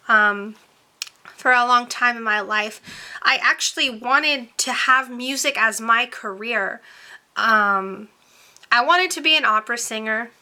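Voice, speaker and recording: Twenties girl doing a q&a vlog, super bright voice, kinda high, rambly with lots of ums. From born in Romania, raised in Tennessee. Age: 20s. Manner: chatty, rambling, many ums and likes. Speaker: beauty vlogger. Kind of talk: casual Q&A chat to camera.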